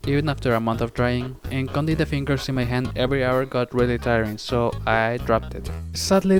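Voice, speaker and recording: A young man narrating a scripted personal monologue with wry, dry asides. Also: medium pitch. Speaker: video narrator. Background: background music.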